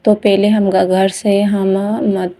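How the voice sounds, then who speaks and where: A woman sharing a devotional testimony with the congregation, halting often, starting sentences over and chanting mantras. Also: mid-range voice, flat delivery, dark tone. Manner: halting, with many fillers and restarts, addressing the congregation.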